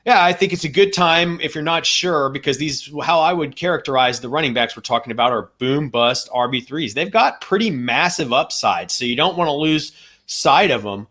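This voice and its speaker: A man's voice: fairly high pitch, moderate pace, fairly bright tone. A man co-hosting a podcast in casual analytical chat, methodically running through numbers and hedging as he thinks aloud. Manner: methodical, runs through stats and contract figures. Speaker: podcast co-host.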